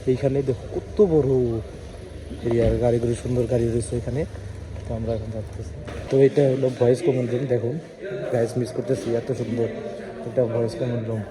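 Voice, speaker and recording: A young man from Bangladesh chatting casually to his viewers as he walks around a city and a campus, joking about himself and calling them guys. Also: medium pitch. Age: young adult. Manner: chatty, self-mocking, addresses viewers as guys. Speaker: vlogger. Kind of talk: casual walking vlog. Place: outdoors on busy city streets and campus. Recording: loud traffic noise behind.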